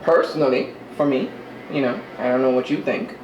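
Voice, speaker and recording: A fairly quick, slightly mellow mid-range voice carries this casual eating vlog. The vlogger chews and says mm-hmm while chatting in a self-deprecating manner, in a roomy setting with faint ambient noise.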